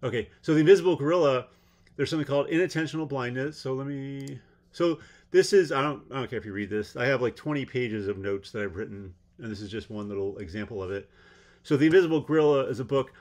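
A man with a medium-pitched, slightly mellow voice rambles through commentary on a court case. He's blunt and sarcastic, tossing in exasperated asides.

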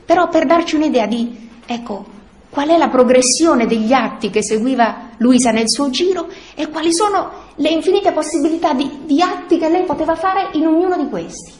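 A woman with a fairly high voice gives an earnest spiritual teaching to a prayer group. She explains patiently, pausing on fillers and restarting her phrases. Her voice rings in an echoey room. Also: animated, a little mellow. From Italy. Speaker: speaker leading a prayer group.

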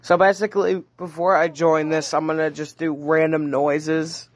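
A man's voice: on the high side, flat delivery, moderate pace. A man in his twenties casually narrating what he does on his phone as an internet troll. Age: 20s. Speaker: amateur video maker trolling a voice chat. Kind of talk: casual narration of own screen activity. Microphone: handheld phone camera, close.

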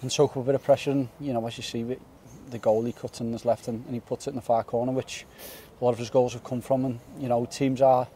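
Young man, footballer, post-match interview, rapid speech, mellow tone, outdoors at night. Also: medium pitch, level tone, a little hiss or hum. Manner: quick, earnest, repeats words while thinking. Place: floodlit football stadium pitch at night, outdoors. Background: faint outdoor stadium ambience.

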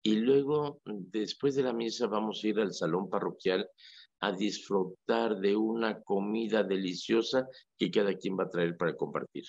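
Hombre con acento mexicano, charla radial animada, voz áspera con fry, sonido seco de estudio. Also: male voice, lowish voice, moderate pace, no echo. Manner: animated, emphatic, storytelling. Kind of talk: casual radio talk. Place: radio studio. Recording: dry lo-fi radio audio.

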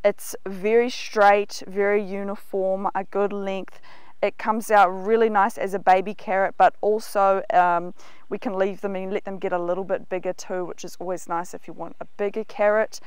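Outdoors in a large vegetable garden, a New Zealand woman in her thirties gives an enthusiastic guided tour of her market garden, walking, pointing at crops and explaining. Oddly, her medium-pitched voice is flat in delivery, smooth and at normal speed, on a dry recording.

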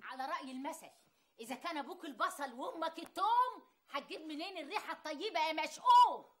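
A sharp-tongued Egyptian mother. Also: high voice, lively intonation, fast talker. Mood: scolding. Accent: Egyptian Arabic. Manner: sharp-tongued, scolding, quotes proverbs. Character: sharp-tongued middle-aged Egyptian mother, quick to insult. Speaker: mother-in-law in a family drama. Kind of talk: TV drama acting.

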